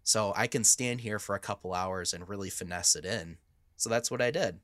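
A man hoarse from coughing, with a rough smoker's rasp, chatting informally as a co-host. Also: lowish voice, moderate pace, fairly bright tone, no room sound, studio quality. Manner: informal, sweary. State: hoarse after weeks of coughing. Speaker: podcast co-host, knife maker. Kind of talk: casual chat.

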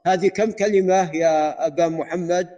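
A man lectures a hadith class with a fairly high voice. He explains each point in measured steps, then lowers his voice to recite the set formulas. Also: fairly even intonation, mellow, muffled recording. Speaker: sheikh teaching hadith.

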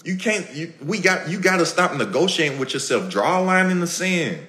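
A man's voice: on the high side, very animated, fairly quick, sharp tone, echoey room. A man hosting a motivational podcast, talking straight to listeners in an emphatic, repetitive, preachy way and acting out bits of everyday dialogue. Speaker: podcast host. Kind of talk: motivational talk to a live audience.

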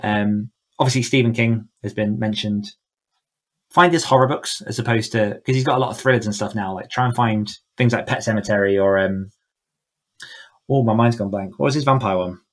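Speaking fairly quickly in a lowish voice, a man who writes horror and works as a coach is a guest on a podcast, talking casually, eagerly, and effusively.

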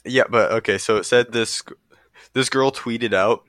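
A man co-hosting a podcast, chatting casually and cracking blunt, deadpan jokes. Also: medium pitch, measured pace, no room sound, clean studio sound. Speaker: podcast co-host. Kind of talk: casual chat.

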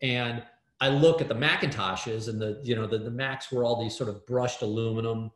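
A man, a guest in an interview, telling a story in an animated way with many fillers and restarts over a video call. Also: mid-range voice, normal speed. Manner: excitable, lots of fillers and restarts. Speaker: guest, startup hardware builder. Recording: roomy echo.

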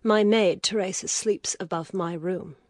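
A woman voicing a weary, proud young noblewoman in an audiobook, speaking in a hushed, whispery way. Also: lowish voice, fairly even intonation, unhurried, dry recording, clean studio sound, pitched above the performer's own voice. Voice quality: breathy, whispery. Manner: hushed and tired, rising to bitter outrage. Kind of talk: audiobook character voice.

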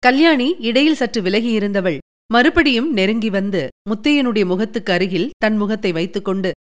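A woman narrates an audiobook with dramatic, emotive delivery. Her voice is smooth and resonant, at a middle pitch. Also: normal speed.

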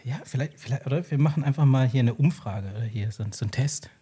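Ein Mann moderiert einen lockeren Podcast, lacht oft und probiert Wortspiele aus. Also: male voice, mid-range voice, fast talker, warm tone, breathy edge. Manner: playful, laughs often, tries out puns. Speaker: podcast host. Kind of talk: casual podcast chat.

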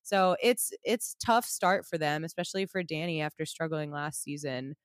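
A woman co-host with a somewhat low voice who talks in a measured, easygoing manner. The recording is dry and close, with almost no room sound. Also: dry recording. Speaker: podcast co-host. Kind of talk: casual chat.

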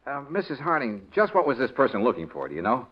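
Wry private detective, male, animated delivery, 1940s radio drama, dull vintage recording. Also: mid-range voice, fast talker, breathy edge. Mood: probing.

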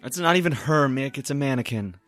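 An actor playing a short-tempered, sarcastic private eye in an audio drama, with a brusque, tough-talking manner. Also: male voice, medium pitch, animated, a little fast, fairly bright tone, natural voice. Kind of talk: audio drama acting with first-person narration.

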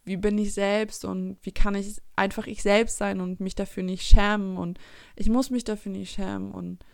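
A woman's voice: mid-range voice, little pitch movement, normal speed, vocal fry, clear, resonant tone, no echo, studio quality. A woman in her twenties talking reflectively in a casual personal monologue, often searching for her words. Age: 20s.

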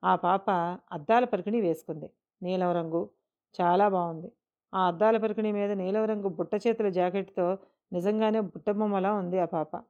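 A woman narrating a scripted story in a measured, emotive way. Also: medium pitch, fairly even intonation. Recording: dull lo-fi recording.

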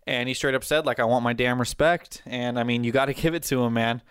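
Sports podcast host, man, mid-pitched and clean-toned, talks fast and keen like a hyped-up fan. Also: clear, resonant tone, dry recording. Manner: energetic, rambling, fan enthusiasm. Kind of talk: casual sports chat.

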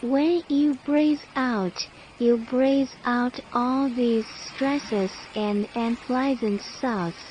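A woman leads a guided relaxation in a soft, soothing spa manner. Her high voice is mellow and very slow. Ambient noise sits behind her. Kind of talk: guided meditation narration. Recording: noisy ambient background sound.

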